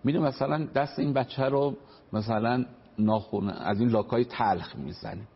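The speaker is a male family counselor with a medium-pitched voice that has a breathy edge. He discusses parenting on a radio talk show in an earnest, explanatory manner full of examples and polite formal expressions, captured in dull lo-fi broadcast quality.

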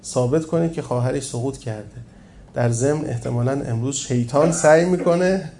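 A man's voice: mid-range voice, warm tone, lightly acted. A man reading the part of a stern, zealous man who urges harsh discipline, insistent and commanding.

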